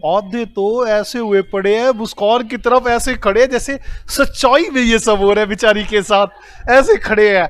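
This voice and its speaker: A male accounting teacher telling a lively classroom story, acting out the characters' lines in a raised voice. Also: high voice, normal speed.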